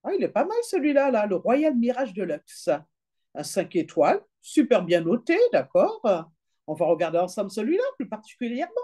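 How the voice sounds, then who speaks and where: A woman's voice: medium pitch, very animated, warm tone. A woman chatting her way through an app demonstration, reading prices aloud and tagging sentences with little fillers. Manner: chatty, peppered with "hein" and "d'accord"; reads prices and numbers aloud slowly. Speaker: travel deals presenter.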